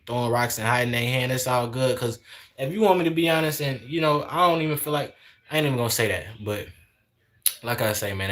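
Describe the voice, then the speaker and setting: A man's voice: on the low side, fairly bright tone, a little hiss or hum. Young man preaching casually on livestream. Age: 20s. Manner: preachy, repetitive, sprinkles in "man" and "y'all". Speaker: livestream host.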